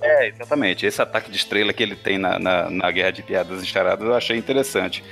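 A man's voice: deep voice, fast talker, creaky, fairly bright tone, faint music behind. A man co-hosting a casual comics podcast, giving opinions with hesitant restarts. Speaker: podcast co-host.

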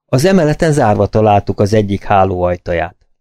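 Clean, dry studio sound carries a fairly low-pitched male narrator reading an audiobook. His storytelling is steady and measured.

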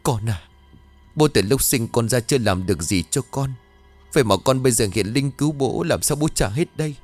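A man's voice: mid-range voice, lively intonation, quick pace, darkish tone, soft background music, close to an everyday voice. A man voicing a desperate young man in a ghost story who fears he is about to die. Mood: tearful. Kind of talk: audio ghost story reading.

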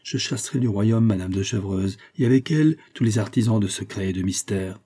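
A man's voice: lowish voice, fairly quick, mellow, husky. A man reading a proud young king, firm. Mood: resolute. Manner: firm and commanding.

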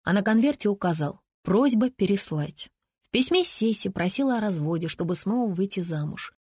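A woman reading an audiobook in an even, measured way at a middle pitch. The recording is close and dry with no room sound. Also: husky, no echo. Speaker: audiobook narrator. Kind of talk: scripted narration.

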